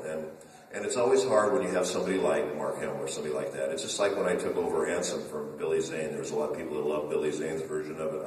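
This voice actor has a bass voice with a darkish tone, answering fans at a casual convention Q&A. Chatty and jokey, he tells stories with many restarts. A far-off camera records his table mic in a large function room, giving an echoey sound with a little hiss or hum.

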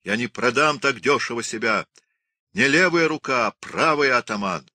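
A man's voice: lowish voice, animated, slow pace, bright, forceful tone, no room sound, heavily acted. A man voicing a proud, hot-tempered young Cossack husband, speaking sternly and commandingly. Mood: defiant.

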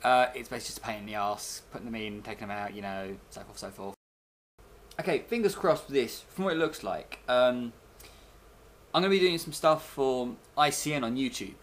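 In a casual, rambling vlog, a young man talks fairly quickly at a medium pitch with lively intonation. The audio comes from a webcam microphone on his desk at arm's length in a small bedroom, carrying a little hiss or hum.

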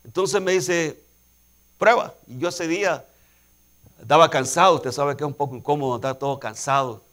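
A man with a fairly quick, high-leaning voice preaches a sermon built around a personal story. He quietly acts out dialogue in his anecdotes and builds to emphatic, repeated calls to action with rising intensity.

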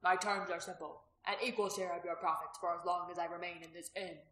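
A woman's voice: on the low side, flat delivery, brisk, a bit bright, natural voice. Woman reading a curt, dry former gladiator. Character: blunt hardened former gladiator, a man. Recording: roomy echo.

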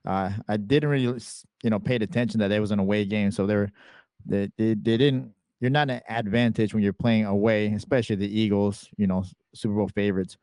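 A man hosting a casual sports podcast, walking through game clips in a relaxed, chatty way. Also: on the low side, brisk, dry recording, studio quality. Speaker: podcast host.

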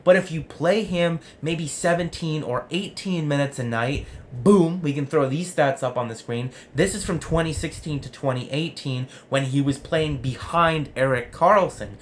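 A man's voice: a little high, moderate pace, hardly any pauses. A man in his twenties hosting a sports vlog, arguing with himself in an earnest, explanatory, conversational way. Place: small home room with jerseys on the wall. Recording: noticeable room noise.

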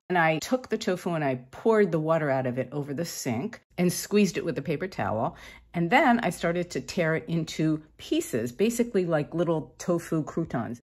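A woman with a low, husky voice talks through her kitchen prep in a chatty, upbeat way. She explains each step as she goes, like a home cooking host. Her tone stays easygoing and friendly throughout. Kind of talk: casual cooking voice-over.

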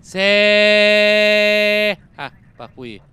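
Young male gamer for a horror let's play, loose and slangy, loud outbursts and low mutters, voice a bit on the high side. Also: expressive, moderate pace, no room sound. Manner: casual slangy banter with viewers. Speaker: gaming YouTuber.

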